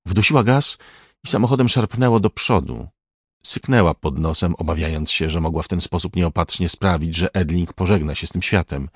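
Brief: deep male audiobook reader, dry studio sound, steady and measured. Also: husky, no echo. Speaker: audiobook narrator. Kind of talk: scripted narration.

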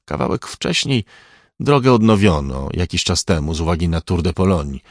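A man reading a crime novel aloud in a measured, even way. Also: low-pitched, dry recording, clean studio sound. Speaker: audiobook narrator. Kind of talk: scripted narration.

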